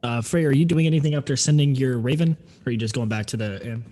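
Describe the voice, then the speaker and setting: A man's voice: medium pitch, fast talker, mellow. A man acting as game master, narrating a tabletop role-playing game and prompting the players.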